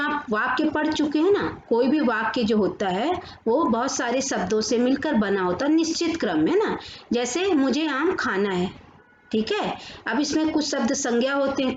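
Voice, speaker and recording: A woman teaching a grammar lesson to children. She asks questions and answers them herself, and slows down to read out definitions. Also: fairly high pitch. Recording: echoey room, dull lo-fi sound with faint noise.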